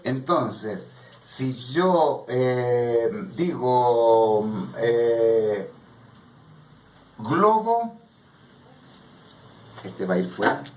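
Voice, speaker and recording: In a classroom lecture, a man leads a poetry workshop, explaining patiently and repeatedly checking that students follow with "¿ya?". He talks extremely slowly in a medium-pitched, darkish voice, recorded in an echoey room from a distant mic with slight background noise.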